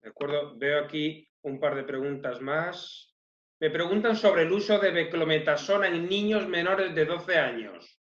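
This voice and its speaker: Male webinar moderator, calm, fairly high voice, in an echoey room. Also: a little slow, highs cut off. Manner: calm, brief acknowledgements. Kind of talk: reading out audience questions.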